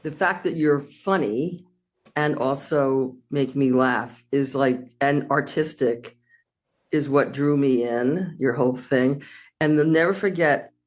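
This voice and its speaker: A woman's voice: rumbling low, slow pace. A woman, a former student, thanking her teacher in a rambling, gushing way. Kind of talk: casual thank-you speech.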